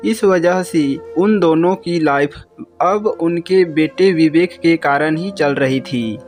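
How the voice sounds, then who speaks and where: A man narrating a scripted moral story in a calm, measured way. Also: on the high side, soft background music.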